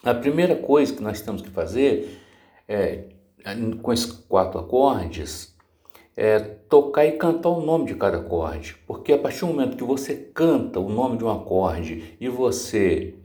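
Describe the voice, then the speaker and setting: A man's voice: medium pitch, very animated, unhurried, warm tone. A man teaching guitar by ear in a casual lesson, patient, with frequent filler words and off-key singing of chord names. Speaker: music teacher. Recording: roomy sound with guitar playing.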